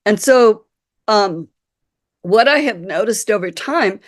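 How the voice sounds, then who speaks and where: A woman with a croaky, nasal voice from a cold, giving a webinar talk as a guest speaker over a video call, apologetic and clearing her throat. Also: medium pitch, lively intonation, slow pace, no room sound, studio quality. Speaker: guest speaker, community consultant.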